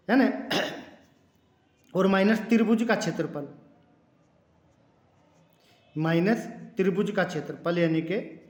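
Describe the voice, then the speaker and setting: A man's voice: sits high, roomy sound. A man teaching a math lesson step by step, calling his students "children" and repeating key words. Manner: repeats key words, clears throat now and then.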